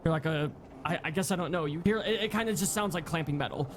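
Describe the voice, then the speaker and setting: A young man with a high voice runs a tabletop game over voice chat, narrating in a halting way full of ums and fresh starts. A light hiss of noise sits behind him on his home mic. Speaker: game master. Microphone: home microphone on voice chat.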